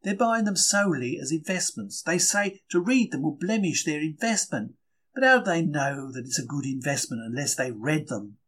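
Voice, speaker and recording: Voicing a chatty, plucky young bookseller from the working class of the 1930s, a man performs a dramatic first-person diary reading. His fairly high voice is rough-edged and a bit bright, swinging widely in pitch, and his colloquial, emphatic phrasing sounds matter-of-fact yet indignant, wry and quick to take offense.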